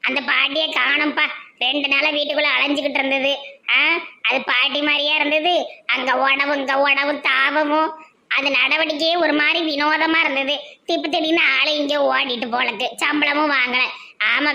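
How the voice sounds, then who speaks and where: Cartoon village aunt, Tirunelveli accent; high, sharp, bright scolding voice. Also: female voice, creaky, full character voice. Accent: Tirunelveli Tamil. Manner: scolding, rapid nagging. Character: scolding middle-aged village aunt, suspicious and sharp-tongued. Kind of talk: cartoon voice acting.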